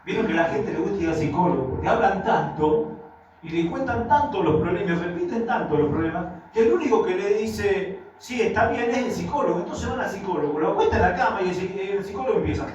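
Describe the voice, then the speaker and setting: A man's voice: high voice, animated, quick pace, darkish tone, very echoey, far from the mic, dull audio, slight background noise. A man with an Argentine accent preaching a sermon, telling stories with quoted dialogue and asking the congregation rhetorical questions. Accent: Argentine Spanish. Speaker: pastor. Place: church hall.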